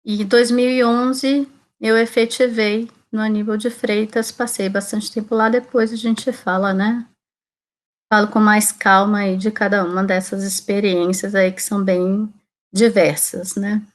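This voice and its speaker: A Brazilian teacher in her forties from Salvador, Bahia, gives an informal online talk about her own career, conversational and often checking in with tag questions. Her mid-range voice keeps a level tone and an unhurried pace.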